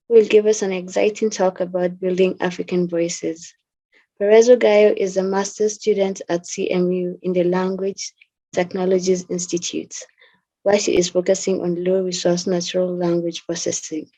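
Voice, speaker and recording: A woman's voice: lowish voice, flat delivery, normal speed, dark tone, poor audio. A woman hosting an online talk series, introducing the speaker in a formal, scripted way. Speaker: host. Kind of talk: reading an introduction.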